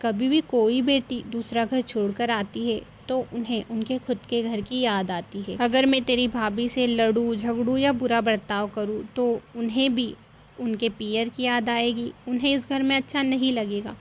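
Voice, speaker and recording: A woman voicing a kind, patient middle-aged mother-in-law who advises gently in a cartoon story. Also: on the high side, steady tone, normal speed, lo-fi sound, a little hiss or hum, close to an everyday voice. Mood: advising.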